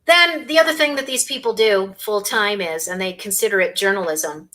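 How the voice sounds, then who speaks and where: A woman hosting a casual livestream in a bright, sharp voice. She talks with biting sarcasm and scorn. She sometimes chews on food between remarks. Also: medium pitch, moderate pace. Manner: eating while talking. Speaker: host.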